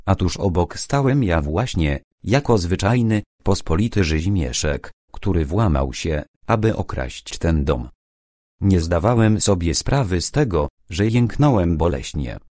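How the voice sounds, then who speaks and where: Male audiobook narrator, very low voice, measured dramatic delivery, dry close sound. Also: no room sound. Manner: measured, dramatic storytelling with steady phrasing. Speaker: audiobook reader.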